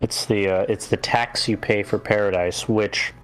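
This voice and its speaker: Halting low-voiced man, sleepy. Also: fairly even intonation, fairly bright tone, clean tone, faint music behind. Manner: halting, many restarts and fillers. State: sleepy late at night. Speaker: podcast co-host. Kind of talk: casual chat.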